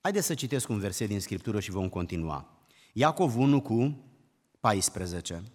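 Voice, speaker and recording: A man preaching a sermon, emphatic, climbing to loud exclamations and then dropping low. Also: sing-song. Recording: long hall reverb.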